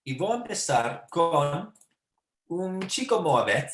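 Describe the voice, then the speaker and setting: A man's voice: a little high, big pitch swings, takes it slowly, a bit bright, a little hiss or hum. Man hosting in a roomy echo. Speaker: host of an online talk series. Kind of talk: hosting a video call.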